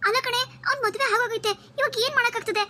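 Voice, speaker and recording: A worried middle-aged cartoon mother, high and bright, with quick, coaxing lines. She sounds exasperated and keeps reasoning gently. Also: fairly even intonation. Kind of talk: cartoon voice acting.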